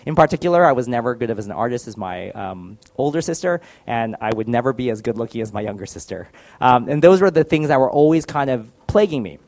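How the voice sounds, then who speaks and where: A man's voice: medium pitch, lively intonation, quick pace, darkish tone. A married man giving a personal faith testimony in a candid, self-deprecating storytelling manner. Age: adult, married.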